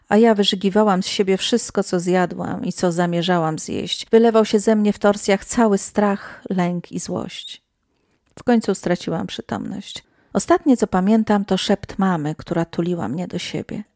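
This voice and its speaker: A woman telling a first-person horror story in scripted narration, hushed and sometimes sinking to a whisper. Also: mid-range voice, no echo, clean studio sound.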